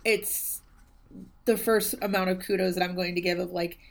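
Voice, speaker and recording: Chatting casually as a podcast co-host, this woman discusses a book in a thoughtful, hedging way, peppered with ums and you knows. Her creaky voice is fairly low-pitched, with fairly even intonation and a moderate pace.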